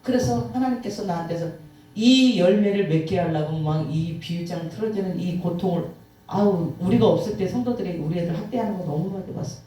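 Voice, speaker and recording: Dark-voiced woman preaching in echoing church. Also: on the low side, brisk. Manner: animated storytelling, acting out quotes, sighing. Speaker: guest preacher. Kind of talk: emotional testimony sermon. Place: church sanctuary. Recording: echoey hall from far off.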